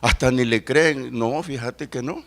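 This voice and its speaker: An older man from El Salvador preaching a sermon as pastor, reading scripture aloud and swinging between loud declarations and low, quiet asides. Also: measured pace.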